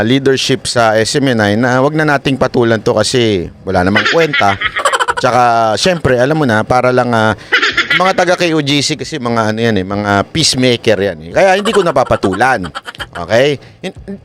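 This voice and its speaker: A man giving live-stream commentary in an animated way, often tossing tag questions to viewers. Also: mid-range voice, a little hiss or hum. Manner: animated, keeps asking "di ba?". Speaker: online news commentator.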